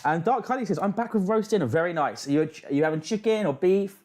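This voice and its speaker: A man's voice: high-pitched, expressive, fast, darkish tone, faint music behind. A British man hosting a casual livestream, reacting and reading out chat with sweary, mocking banter. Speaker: livestream host.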